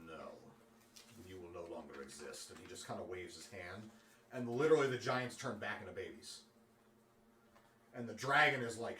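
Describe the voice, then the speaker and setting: Bright-voiced man narrating a tabletop game. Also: medium pitch, far from the mic, slight background noise. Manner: loose and filler-heavy. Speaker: dungeon master. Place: room at a streamed game table. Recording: roomy, off-mic, faint room ambience.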